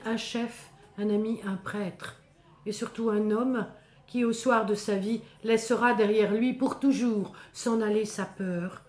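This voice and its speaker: A woman's voice: medium pitch, darkish tone, natural voice. Woman as fearful Moses, echoing storytelling. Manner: theatrical, intense, measured short phrases. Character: Moses, terrified humble male shepherd telling his encounter. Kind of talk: dramatic first-person biblical storytelling. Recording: echoing, reverberant voice recording.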